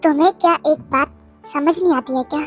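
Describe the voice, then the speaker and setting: A stern, arrogant young boss man, put on by a very high-pitched reader who scolds and orders people about in a homemade storybook reading. The voice stays high and light. Soft music plays underneath. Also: a little fast. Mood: scolding. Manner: bossy, scolding.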